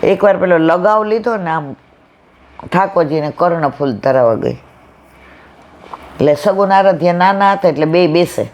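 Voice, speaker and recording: A woman's voice: lowish voice, expressive, unhurried, long pauses, darkish tone, muffled recording, slight background noise. Older woman giving a devotional talk. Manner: storytelling, acting out family anecdotes. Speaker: devotional speaker. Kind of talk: devotional satsang discourse.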